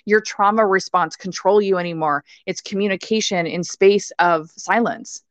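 A woman guest on a podcast, talking intensely and swearing freely, now and then bursting into shouted quotes. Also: mid-range voice, moderate pace, no echo. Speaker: podcast guest, rage coach. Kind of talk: emphatic interview talk.

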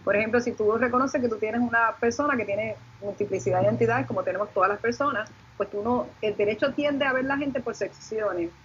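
A woman's voice: fairly high pitch, a little fast, few pauses, highs cut off, slight background noise. A woman with a Puerto Rican Caribbean Spanish accent explaining reflectively on a panel, searching for her words as she goes. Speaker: law lecturer and panelist.

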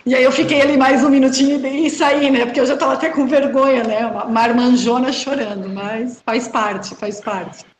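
A woman, a journalist and runner, telling stories in a chatty, animated way as an interview guest. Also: high-pitched, quick pace, hardly any pauses, roomy sound. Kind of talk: casual interview chat.

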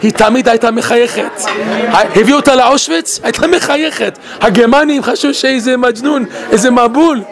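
A man giving an animated Torah talk. He laughs often and asks many rhetorical questions. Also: extremely high pitch, gravelly. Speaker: Torah teacher.

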